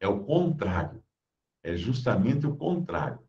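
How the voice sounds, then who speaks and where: A man's voice: on the low side, big pitch swings, measured pace, dark tone. A man giving conversational Bible teaching, reading scripture aloud and explaining it with everyday stories. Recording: roomy, dull lo-fi sound.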